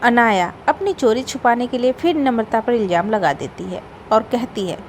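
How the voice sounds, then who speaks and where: A woman narrating a family moral story in a steady storybook manner. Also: a little high, moderate pace, a little hiss or hum, rough recording.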